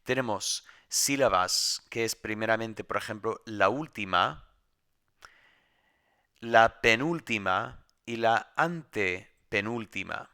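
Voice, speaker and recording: A man's voice: lowish voice, animated, slow, pushed and bright, clear, resonant tone. A man teaching a recorded Greek grammar lesson from home, explaining step by step and often restarting his sentences.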